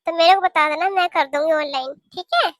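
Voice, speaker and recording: A woman's voice: very high-pitched, brisk, a bit bright, dry recording, clean studio sound. A woman voicing a caring young married daughter in a cartoon, talking in an earnest, pleading way. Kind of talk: cartoon voice acting.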